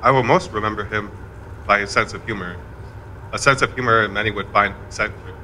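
Guy reading a eulogy for his dad, kinda flat delivery, low-ish voice with a bright edge. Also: slight background noise, rough recording. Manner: fairly monotone, measured delivery. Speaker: son giving a eulogy. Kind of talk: memorial eulogy speech. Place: event room at a college campus.

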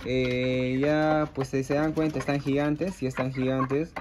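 A man's voice: medium pitch, flat delivery, a little slow, background noise. A man running a small poultry project, chatting casually to his viewers with plenty of fillers. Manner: chatty, addresses viewers as friends, frequent fillers. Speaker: small-scale poultry farmer. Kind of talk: casual vlog explaining his chicken project. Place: outdoors at a chicken coop. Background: hens and roosters clucking faintly.

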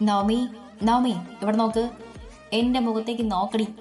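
A woman's voice: a little high, fairly even intonation, moderate pace, a little mellow, soft background music, natural voice. A woman voicing a troubled young husband. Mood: strained. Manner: hesitant, evasive.

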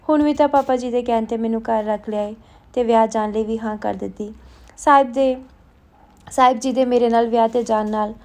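A woman tells a family story aloud in a fairly high voice. Her tone is mellow rather than bright. She reads each character in the same steady, earnest way. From Punjab.

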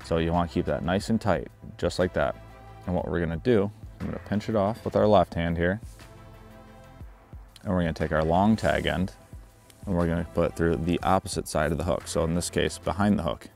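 A man's voice: sits low, fairly quick, creaky, faint music behind. A man hosting a fishing vlog outdoors on a river, chatting casually and explaining his rig and knot step by step. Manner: relaxed, chatty, instructive. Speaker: fishing guide and vlog host.

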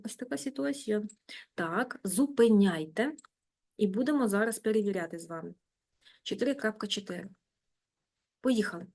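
A woman teaching a casual English grammar lesson, reading example sentences slowly and explaining them. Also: mid-range voice, a little mellow, low-quality recording.

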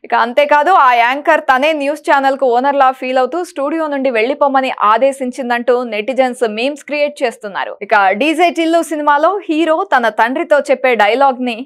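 A woman presenting entertainment news, reading a script in a brisk, even manner. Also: high-pitched.

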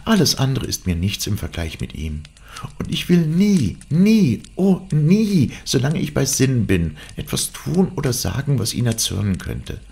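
A man's voice: a little slow, gravelly, slight background noise, heavily acted. A man reading an audiobook aloud, voicing a spirited young woman who pleads and frightens easily. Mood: pleading. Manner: raised, lively girlish pitch.

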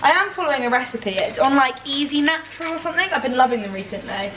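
A British woman in her twenties vlogs her cooking in her home kitchen, chatting casually and playfully with bantering slang. Her voice sits high, animated and fairly bright, and she talks fast. The camera rests on the counter, picking up an echoey room, clattering dishes and slight background noise.

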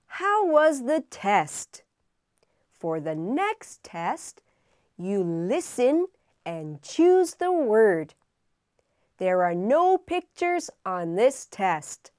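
A young woman presenting a children's phonics lesson, addressing young learners directly in simple, deliberate sentences. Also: mid-range voice, very animated, darkish tone, no echo, clean studio sound. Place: studio with an illustrated backdrop.

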